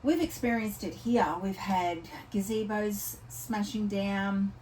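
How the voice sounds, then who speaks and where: A woman's voice: mid-range voice, takes it slowly, darkish tone. A chatty Australian woman talks through a casual weekly shelter update, rambling along with ums and restarts. She sits some way off from the camera, so her voice sounds a little distant. A faint hum of background ambience runs underneath. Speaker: animal shelter worker.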